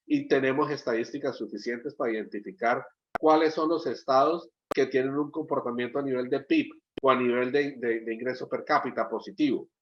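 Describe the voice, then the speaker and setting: Middle-aged man presenting a webinar. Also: a little high. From Colombia. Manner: explanatory, keeps checking with "¿sí?"; repeats words while searching for them. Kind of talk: export training webinar. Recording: dull lo-fi webinar audio.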